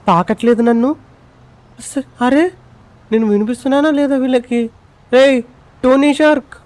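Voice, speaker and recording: A man voicing a confused grown-up ghost, an uncle, pleading and puzzled, in a lower voice. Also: a little mellow, close to an everyday voice. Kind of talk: fan-dubbed game story.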